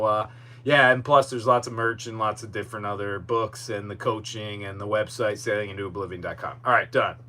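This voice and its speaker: Broadcasting a casual solo podcast live from outdoors in a boatyard, a man rambles along in a self-deprecating way. His voice is fairly low, bright and forceful. The podcast microphone picks up noticeable background noise with a hum.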